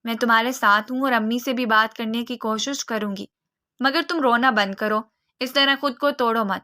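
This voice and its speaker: A woman reading a storybook and voicing a young woman friend who speaks softly and reassuringly. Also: a little high, fairly even intonation. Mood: soothing. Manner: soft, soothing.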